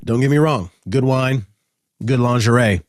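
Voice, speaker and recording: A man hosting a casual educational talk, animated and joking, with frequent fillers. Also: mid-range voice, moderate pace, over loud music. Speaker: host.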